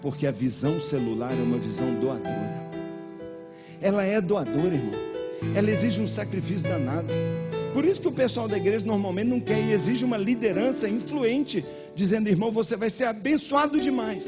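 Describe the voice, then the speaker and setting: High-voiced Brazilian pastor preaching passionately. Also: male voice, animated, a little fast. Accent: Brazilian Portuguese. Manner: impassioned preaching, acting out dialogues. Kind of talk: sermon. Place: church conference hall. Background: music.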